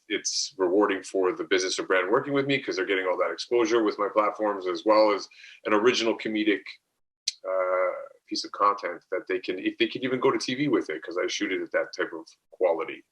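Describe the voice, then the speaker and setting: A man in his thirties from Canada, a comedian guesting on a podcast, relaxed and laid-back and quick to laugh. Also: low-pitched, low-quality recording. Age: 30s. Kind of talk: casual podcast chat.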